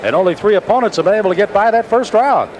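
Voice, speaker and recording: A man's voice: high voice, lively intonation, rapid-fire. An American man working as a sportscaster, giving live boxing commentary. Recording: broadcast over loud crowd and noise. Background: arena crowd.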